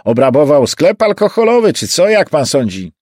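A man reading an audiobook voices a brash, bigoted cab driver who talks bluntly and loudly. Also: a little high, sing-song, normal speed, no room sound, studio quality, pitched above the performer's own voice. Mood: scornful. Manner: blunt, loud, rough-spoken.

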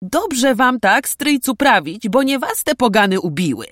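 A woman voicing an eager, bitter young male nobleman who talks loudly in old-fashioned speech. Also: lowish voice, takes it slowly, no room sound, clean studio sound, pitched above the performer's own voice. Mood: grieving. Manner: loud and excited, archaic speech.

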